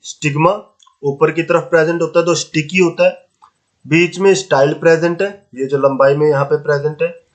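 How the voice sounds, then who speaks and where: A man teaches a school science lesson in a casual, encouraging tone. His voice sits a little high for a man. He keeps asking the class a question and then answering it himself. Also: steady tone, moderate pace. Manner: asks rhetorical questions and answers them himself; mixes English terms into Hindi speech, casual and encouraging. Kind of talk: classroom lesson explaining flower parts.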